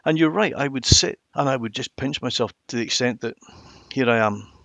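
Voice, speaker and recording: A mature man with a Highland Scottish accent, telling stories reflectively and emphatically in a conversational interview. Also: a little fast, vocal fry, fairly bright tone, dry recording. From Inverness, Highlands of Scotland. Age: middle-aged or older. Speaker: interview guest, former television journalist.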